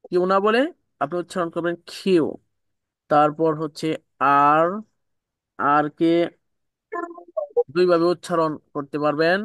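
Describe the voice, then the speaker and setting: A man's voice: fairly high pitch, fairly even intonation, measured pace, long pauses, fairly bright tone, clean tone, no echo. A man teaching English pronunciation in an online class, patiently repeating each sound with small fillers. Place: online video call class.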